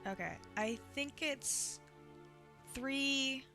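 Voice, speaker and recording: A woman with a high-pitched, sharp-toned voice streams a video game, drawing out her words in a sing-songy style as she chats casually with viewers while playing, with game music in the background.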